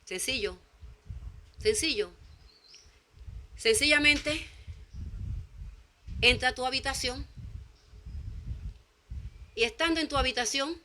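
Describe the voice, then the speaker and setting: A woman's voice: a little high, sharp tone, a little hiss or hum. A woman preaching a sermon, speaking emphatically with repeated phrases and acting out short quoted exchanges. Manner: emphatic repetition, acts out quoted dialogue.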